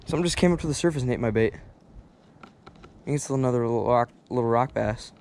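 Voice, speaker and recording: A young man chatting excitedly while fishing on a rocky riverbank, talking to each fish as he unhooks it, recorded on a head-mounted camera outdoors. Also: medium pitch, brisk, slight background noise. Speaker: fishing vlogger. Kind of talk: casual fishing vlog commentary. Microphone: head-mounted action camera.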